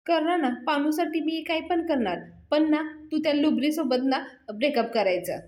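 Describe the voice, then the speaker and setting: A woman's voice: sits high, moderate pace, a little mellow, pitched above the performer's own voice, natural voice. A woman doing a cheeky daring young woman. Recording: roomy echo.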